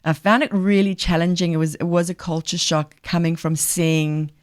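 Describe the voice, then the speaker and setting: A woman's voice: lowish voice, steady tone, moderate pace. A middle-aged woman with a faint South African accent, talking earnestly as a podcast guest, emphatic and thinking aloud. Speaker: guest, charity leader. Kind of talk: podcast interview.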